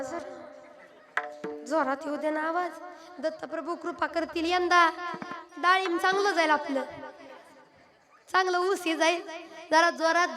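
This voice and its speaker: A very high-pitched woman gives a devotional kirtan sermon through a PA microphone. She teases and coaxes her listeners to chant louder. A live crowd is clearly heard behind her. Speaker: kirtan preacher. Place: live religious gathering with audience. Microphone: microphone through a PA system. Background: audience responding and chanting.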